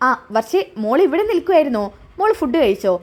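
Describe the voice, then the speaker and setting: A woman's voice: high-pitched, big pitch swings, fast talker, darkish tone. Touchy middle-aged mother put on by a woman narrator, fussing and complaining. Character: fussy, easily offended middle-aged mother.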